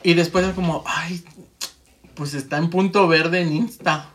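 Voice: mid-range voice, steady tone, unhurried, a bit bright, slight background noise. A speaker in a casual chat, rambling and acting out their own inner monologue. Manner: rambling, acts out inner monologue, laughs often.

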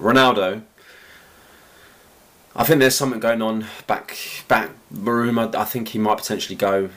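A man hosting a casual football chat podcast, with a croaky, tired voice and a rambling, halting way of talking full of fillers. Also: low voice. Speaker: podcast host.

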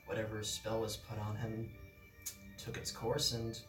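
A man playing a tabletop game, improvising in character in a halting, hesitant way. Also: fairly low pitch, monotone. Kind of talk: improvised role-play chat. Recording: echoey room, distant mic, music behind.

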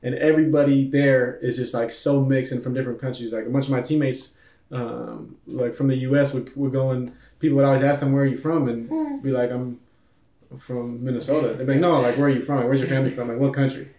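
A man's voice: mid-range voice, level tone, fast, warm tone, recorded from a distance. A man guest in a casual conversation, laid-back and rambling with lots of fillers. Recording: echoey room, off-mic.

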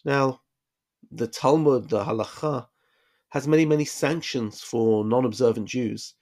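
A man's voice: medium pitch, measured pace, darkish tone. A man giving a casual Bible study lesson, reading Hebrew verses aloud and explaining them in plain English. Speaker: Bible teacher.

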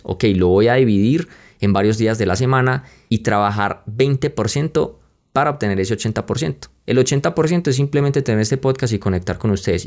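A young Colombian man with a somewhat low, slightly mellow voice hosts a podcast, telling a personal story in a reflective, conversational manner and addressing listeners directly. He has a Colombian accent, and music plays beneath his voice.

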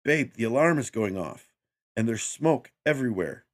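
A man's voice: mid-range voice, animated, normal speed, pitched above the performer's own voice, close to an everyday voice. A man voicing a panicked young wife who urgently wakes her husband in a horror story reading. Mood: alarmed. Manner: urgent, alarmed.

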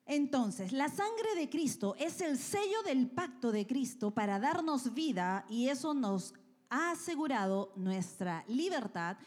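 A woman with a fairly high voice delivers an emphatic sermon. She puts strong weight on key words, then sinks into hushed, near-whispered lines. She keeps turning to the congregation with direct questions. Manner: emphatic, swings between loud stresses and near-whispers. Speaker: preacher.

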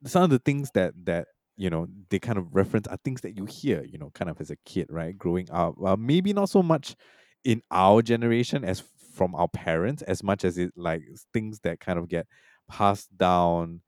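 A man's voice: deep voice, expressive, moderate pace, darkish tone, no echo, studio quality. A man from Malaysia and Singapore talking casually about a film, rambling with many fillers and restarts.

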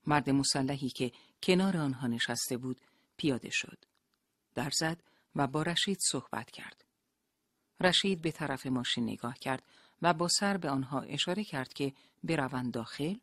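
An audiobook narrator reads a novel aloud, keeping a steady, even storytelling manner. The voice is mid-range, and the recording is dry and studio quality.

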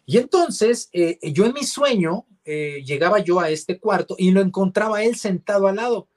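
A man's voice: sits high, expressive, moderate pace. Reflective man telling a story. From Mexico. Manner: reflective, hesitant, many fillers and restarts. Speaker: guest, radio announcer. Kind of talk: telling a personal story in an interview.

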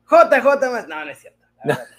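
High-voiced joking host. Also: male voice, sing-song, a little fast, a bit bright. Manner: joking, playful banter. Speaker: sports show host. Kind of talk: casual sports talk.

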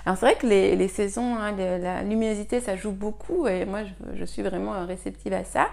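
A woman hosting a casual spoken lesson, chatting with lots of fillers and spelling words out slowly. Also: mid-range voice, vocal fry, darkish tone. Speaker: English teacher and podcast host.

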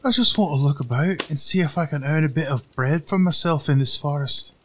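A man's voice: animated, unhurried, slight background noise. A man voicing a small, cheeky, boastful tailor in a fairy tale, with a theatrical, show-off manner. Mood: whimpering, uneasy. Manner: boastful, theatrical, high-flown.

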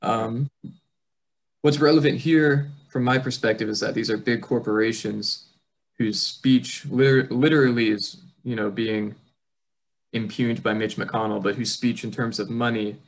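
A young man co-hosting a political chat podcast. His voice sits fairly low, and he speaks in a measured, thoughtful way, often pausing on "um" as he introduces each topic. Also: fairly even intonation, rough recording. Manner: measured, steers the topics, frequent "um". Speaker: podcast co-host.

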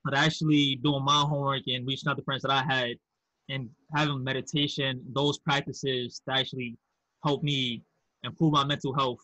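Podcast guest, male, Queens accent. Casual and candid, sharp-edged bright voice, even intonation, slightly lo-fi. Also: medium pitch, moderate pace, dry recording. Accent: Queens, New York. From Queens, New York. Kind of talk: casual conversational interview.

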